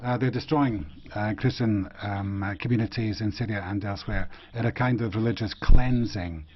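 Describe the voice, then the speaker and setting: Husky-voiced male interpreter, halting. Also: fairly low pitch, steady tone. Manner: halting, measured delivery with frequent pauses. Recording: muffled broadcast audio feed.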